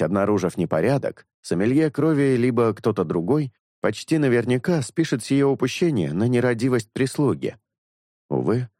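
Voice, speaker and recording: Low-voiced male audiobook narrator. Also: dark tone, no room sound, clean studio sound. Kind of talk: scripted literary narration.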